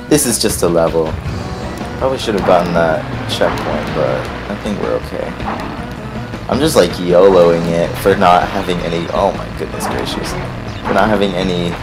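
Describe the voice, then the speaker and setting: Rambling, excitable male let's play host. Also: sits low. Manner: rambling, excitable, yelps and swears when things go wrong. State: voice strained from recent voice loss. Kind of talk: casual gameplay commentary.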